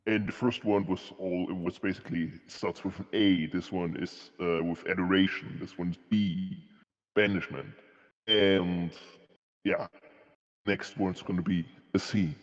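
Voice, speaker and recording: A man being interviewed on a live stream, speaking through a voice changer in a halting, hesitant way with dry jokes. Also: sits low, steady tone, big-room sound, dull audio. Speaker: guest musician.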